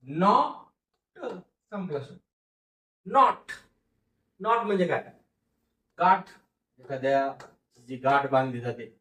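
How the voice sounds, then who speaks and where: A man teaches phonics, saying each word slowly and repeating it so the class can read along. His voice sounds distant, picked up in an echoey room. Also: on the high side. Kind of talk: phonics lesson.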